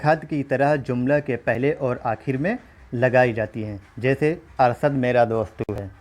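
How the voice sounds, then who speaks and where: A man's voice: medium pitch, steady tone, measured pace, a little mellow. A man teaching an online exam-prep lesson, explaining step by step and often checking in with his listeners. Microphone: recorded while writing on a screen.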